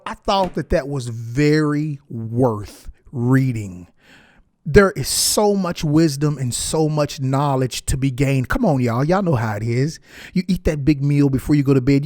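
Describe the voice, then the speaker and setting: A man's voice: medium pitch, a little mellow, no room sound, studio quality. A man, talking earnestly and emphatically to his viewers like a preacher. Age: 50s. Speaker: health video host. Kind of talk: earnest casual talk to camera.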